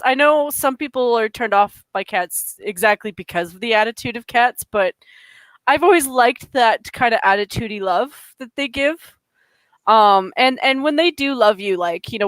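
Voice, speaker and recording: A woman's voice: on the high side, fairly bright tone, dry recording, low-quality recording. A young Canadian woman from Alberta with a stuffy nose, hosting a casual chat, rambling with fillers and giggles. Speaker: podcast host.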